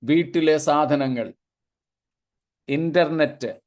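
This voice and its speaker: Slow, deliberate preacher man. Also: a little high, darkish tone. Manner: deliberate preaching with long spoken lists and repeated 'praise God' asides. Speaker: pastor. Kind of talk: Bible sermon.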